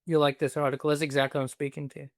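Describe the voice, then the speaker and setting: A man hosts a casual conversation, spinning lively anecdotes and laughing easily along the way. His voice sits somewhat high for a man, and the sound is dry and close. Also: dry recording. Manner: animated storyteller, quick to laugh. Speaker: host.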